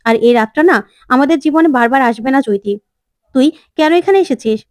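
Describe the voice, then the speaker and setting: Storybook young husband, firm and insistent, read by a woman; high voice. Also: a little fast, darkish tone, no room sound, studio quality, close to an everyday voice. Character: young man, a new husband, stubborn and protective.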